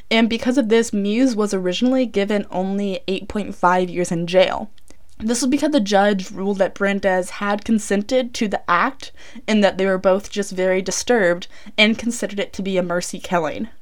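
A woman's voice: medium pitch, moderate pace. A young woman recorded inside a closet, telling true crime stories casually as a podcast host, informal and often tripping over and correcting her words. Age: young adult.

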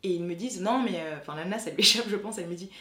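A woman's voice: mid-range voice, rapid-fire, fairly bright tone. A woman in her twenties from France, a master's student recounting an experience with many fillers, becoming livelier as she retells a conversation. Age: 20s. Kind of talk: testimony to camera. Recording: echoey room with faint noise.

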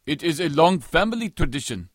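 A proud pirate, played by a man, stern and scornful. He speaks in stiff, formal English with a voice that moves a lot in pitch. The audio drama recording is dry and close. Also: very animated, a little fast, dry recording. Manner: stiff, formal, non-native English phrasing.

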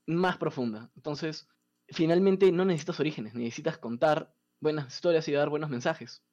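A man, casually retelling a comic story as a podcast host, animated and profane. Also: a little high, normal speed, dull audio.

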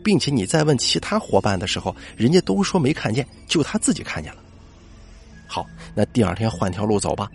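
A man hosting a late-night podcast, telling listener-submitted ghost stories and dropping his voice low for the eerie moments. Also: fairly quick, creaky, soft background music. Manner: lively storyteller voice, drops low for eerie moments. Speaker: podcast host.

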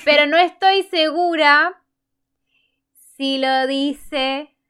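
A young woman with a Rioplatense Spanish accent, chatting casually over a film quiz with a friend, relaxed and teasing. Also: high voice, drawn-out words, slight background noise. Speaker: quiz player. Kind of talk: casual chat.

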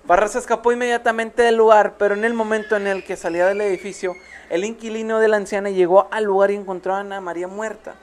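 A woman with a Mexican Spanish accent co-hosts a true crime podcast, reading the case aloud and stopping now and then for playful asides. Her mid-range voice stays level in tone and moves fast.

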